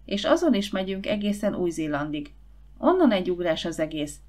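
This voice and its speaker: A woman narrator voicing a confident, eager schoolboy who leads his friends in a storybook. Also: on the low side. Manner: lively, confident, persuasive.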